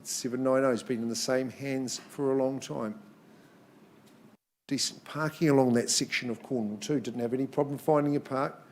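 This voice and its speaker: A man's voice: medium pitch, steady tone, normal speed, a little mellow, a little hiss or hum. A man working as an auctioneer at a live property auction, mixing clipped, repeated number calls with chatty patter. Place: in-room auction.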